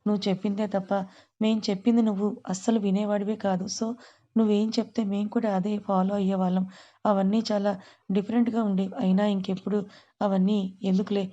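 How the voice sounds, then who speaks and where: A woman's voice: mid-range voice, little pitch movement, brisk, dark tone, muffled recording, lightly acted. A woman reading as a soothing middle-aged father.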